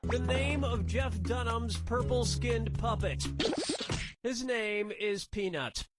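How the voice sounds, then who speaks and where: A sardonic quiz game host with a high voice. He delivers scripted comic questions and quips in a wry manner over loud music. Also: slow. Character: wisecracking male quiz show host.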